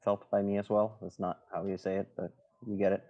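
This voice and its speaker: A man co-commentating a strategy game match, relaxed and hesitant, with many fillers. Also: lowish voice, brisk, dull audio. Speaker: co-caster. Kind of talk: esports commentary. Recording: faint game music behind.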